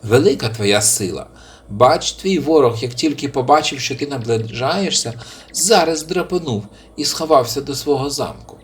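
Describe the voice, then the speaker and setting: A man voicing a clever little male hare who speaks very politely and flatteringly, pleading and scheming, in a storybook reading. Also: mid-range voice, normal speed, lightly acted. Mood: sly.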